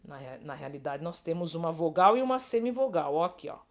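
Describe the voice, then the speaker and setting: A woman's voice: deep voice, big pitch swings, fairly quick. A woman with a Brazilian Portuguese accent teaching grammar online, explaining patiently and peppering her talk with little check-in words. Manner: didactic, many fillers like "né" and "ó".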